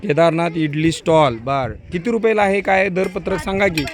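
A male school teacher touring an outdoor school market, briskly coaxing children with quick prompts. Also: fairly high pitch. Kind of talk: walking tour of a school market stall by stall. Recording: noisy crowd of children outdoors.

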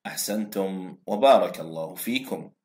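A man with a fairly low voice teaches a recorded Quran recitation lesson. He stretches the example words out slowly for students to repeat and praises their answers along the way. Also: lively intonation, a little mellow, echoey room.

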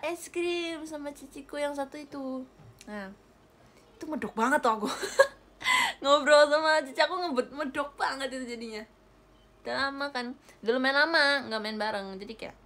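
This young idol livestreamer has a high, somewhat bright voice as she chats casually with viewers, giggling often and thanking them for gifts. She's recorded at close range on a webcam or phone in a small bedroom with a gaming chair.

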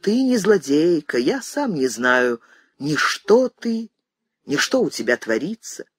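A woman reader lowers her voice for a weary, anguished grown son in an audiobook, pleading and bitterly accusing. The voice is husky with lively pitch. It sounds close and dry. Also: slow, dry recording, exaggerated voice. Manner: pleading, restrained, then bitter.

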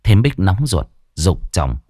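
Low, expressive male ghost-story narrator. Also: moderate pace, dry recording, studio quality. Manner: dramatic, expressive, swings between hushed and loud.

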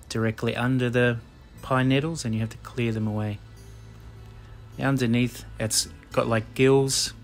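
A man, a cafe chef chatting casually outdoors about foraging, relaxed and full of ums. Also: medium pitch. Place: outdoors on the coast and in pine woods.

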